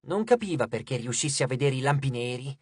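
Expressive audiobook narrator, dry studio. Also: medium pitch, fairly quick, breathy edge, dry recording. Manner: expressive storytelling.

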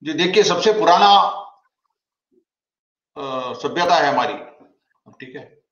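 A man with a slightly high voice argues his point as a debate guest, piling up rhetorical questions. His voice comes through a remote call with a heavy, cave-like echo. The sound is dull and lo-fi. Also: expressive, slow pace. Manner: argumentative, full of rhetorical questions. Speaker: guest commentator. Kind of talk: online debate discussion. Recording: echoey, dull lo-fi call audio.

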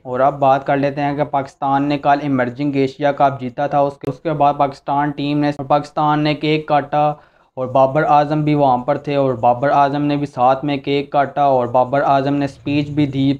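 Young man giving a flat cricket recap. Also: a little high, clear, resonant tone, highs cut off. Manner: steady, repetitive recap talk. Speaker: cricket channel host. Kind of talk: solo cricket commentary vlog. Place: small indoor room, seated on a sofa.

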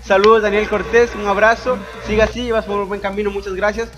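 A young Ecuadorian YouTuber answers viewer questions over gameplay in a high, flat voice, talking fast, with the high frequencies cut off. He is boisterous and crude, joking constantly and swearing a lot.

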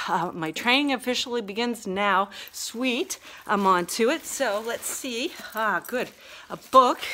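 An older woman chatting excitedly and a bit out of breath while unboxing a package at home, getting sidetracked as she talks. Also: medium pitch. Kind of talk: casual unboxing vlog. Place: at home, indoors.

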